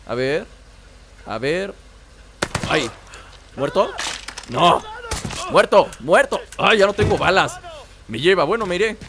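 Mexican male gamer, high voice, chatty let's play talk, loud game noise underneath. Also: animated, slow, long pauses. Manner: chatty, talks back to the game, explains asides at length.

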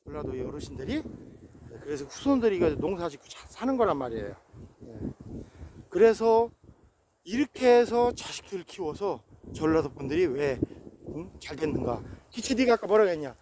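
High-voiced preachy man in his forties. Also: sing-song, normal speed. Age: 40s. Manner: preachy, repetitive affirmations. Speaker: vlogger. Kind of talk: casual outdoor vlog talk. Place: outdoors on a rocky hillside. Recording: noisy outdoor recording.

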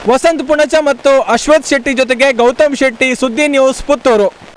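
A man's voice: very high voice, fairly even intonation, normal speed. A man reporting news on location outdoors, earnestly explaining to viewers what they can see. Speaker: field reporter. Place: outdoors on a hillside plantation.

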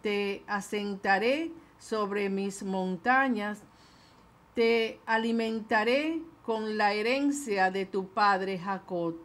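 An older woman reading scripture and the psalm at a lectern in a small chapel, slow and careful. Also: medium pitch. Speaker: lector. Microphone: lectern microphone.

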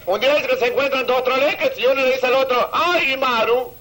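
A man's voice: very high-pitched, fast, a bit bright, rough recording. A man from Santiago del Estero with a Santiagueño Argentine accent, telling crude jokes outdoors as a stand-up comedian and laughing at his own punchlines. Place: outdoors on a seaside promenade.

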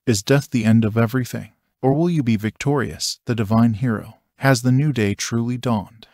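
A man reading the lines of an ancient male seer and magician, slow and solemn. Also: mid-range voice, darkish tone, no room sound, studio quality, lightly acted. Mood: solemn, searching.

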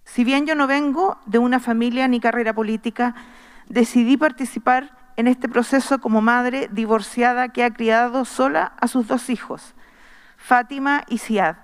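A middle-aged woman reads an earnest, measured formal speech from notes at a podium microphone in a large wood-panelled assembly hall. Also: fairly high pitch, fairly even intonation, smooth. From Chile. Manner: earnest, measured, reading from notes with small restarts. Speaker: constitutional convention member. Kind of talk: formal speech read from paper. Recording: long reverb of a large hall.

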